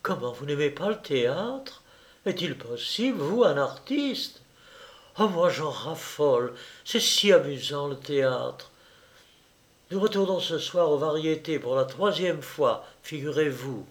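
A man's voice: on the high side, lively intonation, measured pace. A man voicing an affected young woman who gushes and coos baby talk at her little dog. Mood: chatty. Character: gushing, affected young Parisian woman fussing over lapdog.

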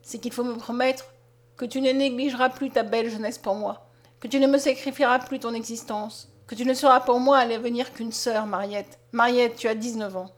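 A woman reads a gentle blind young man from a storybook, low-spoken and tender. The voice sits fairly high, yet stays hushed and mournful throughout. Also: steady tone, moderate pace, lightly acted. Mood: sorrowful. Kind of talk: audiobook character reading.

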